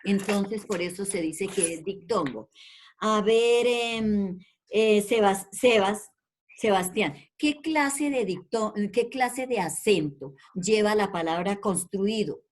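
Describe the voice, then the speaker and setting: A woman's voice: mid-range voice, takes it slowly. Patient woman teacher on a video call. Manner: patient, calls pupils by name and repeats questions; affectionate with pupils. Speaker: primary school teacher. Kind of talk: online class lesson.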